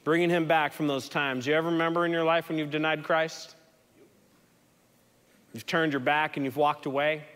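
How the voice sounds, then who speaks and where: Pastor, male, earnest storyteller, slightly high voice, reverberant hall. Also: little pitch movement, moderate pace, long pauses, fairly bright tone. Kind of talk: sermon.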